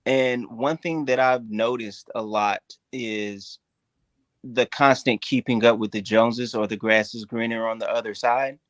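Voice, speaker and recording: A man's voice: mid-range voice, steady tone, a little slow, a bit bright, no echo. A young man who serves as a navy sailor, speaking thoughtfully on a church panel. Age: young adult.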